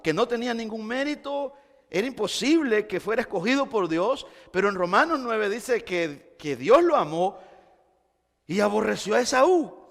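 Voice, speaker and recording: A man preaching in a church, his voice high and swinging widely in pitch as he moves between hushed teaching and shouted exclamations. The sound carries a long reverb from the hall around him. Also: animated, moderate pace, creaky. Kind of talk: sermon. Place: church sanctuary.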